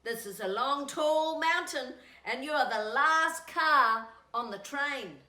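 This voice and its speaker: An urgent storybook train car, played by a woman, calls out loud and high. The warning is bright and emphatic, in a roomy space. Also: animated, slow pace, exaggerated voice. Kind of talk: children's storybook character.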